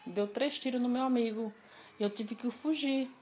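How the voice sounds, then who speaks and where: A woman telling a personal story in a casual interview, animated and acting out the dialogue she quotes. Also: fairly high pitch, moderate pace.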